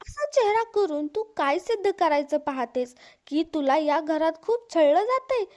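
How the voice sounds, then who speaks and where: A woman's voice: very high voice, lively intonation, measured pace, a little mellow. A woman voicing a harsh young sister-in-law who scolds and taunts in an accusing manner. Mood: scolding.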